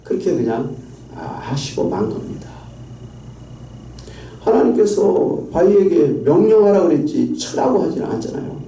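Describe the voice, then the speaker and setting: A man's voice: fairly high pitch, warm tone, slight background noise. Distant preaching man in an echoey hall. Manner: emphatic preaching with quoted scripture and fillers. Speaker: pastor. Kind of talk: sermon. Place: church sanctuary.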